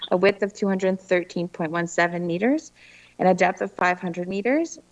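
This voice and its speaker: A woman with a slightly low voice, muffled by a face mask, gives a formal staff report to a committee. She speaks in a halting, hesitant way, and the recording is dull. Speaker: planning staff presenter. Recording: dull muffled meeting audio.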